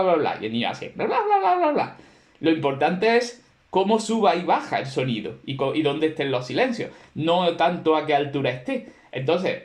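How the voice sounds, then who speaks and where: A man's voice: on the high side, darkish tone, reverberant. A man teaching a class, explaining at length in a conversational way with many fillers and rhetorical questions to his students. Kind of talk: classroom lecture.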